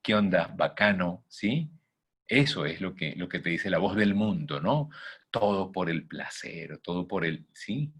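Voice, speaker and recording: A man's voice: low voice, very animated, measured pace, husky. A man giving a motivational talk as a coach, emphatic and asking listeners rhetorical questions. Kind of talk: motivational talk with faith content.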